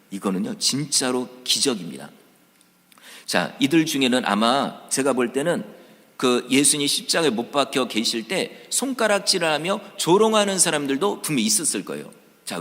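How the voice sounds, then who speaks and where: A man's voice: medium pitch, a bit bright. A man preaching a Sunday sermon, talking straight to his congregation and acting out the voices of crowds in the story. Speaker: pastor. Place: church sanctuary. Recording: church hall reverb.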